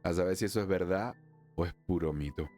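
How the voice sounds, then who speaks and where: Deep-voiced guy from venezuela chatting thru his spiritual podcast, laughs a lot, faint music behind. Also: brisk, a little mellow. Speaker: podcast host, emotional wellness therapist. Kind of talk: solo spiritual podcast talk.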